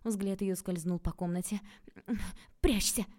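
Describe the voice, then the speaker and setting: A woman reading an audiobook aloud in a calm, even storytelling manner. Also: lowish voice, fairly quick. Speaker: audiobook narrator. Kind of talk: scripted narration.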